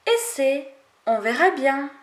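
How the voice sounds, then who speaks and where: Une femme prête sa voix aux petits animaux transis blottis dans une moufle, avec un ton aigu et inquiet. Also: female voice, high-pitched, very animated, takes it slowly, echoey room, voice pushed up, heavily acted. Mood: timid, protective. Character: small shivering animals huddled in a mitten.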